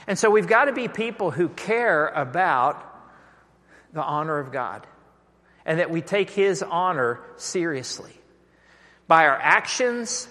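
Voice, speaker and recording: Pastor, male, Texan accent, high bright voice, emphatic sermon delivery in a reverberant church. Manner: emphatic, asks the congregation to repeat lines. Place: church sanctuary. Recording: long reverb of a church hall.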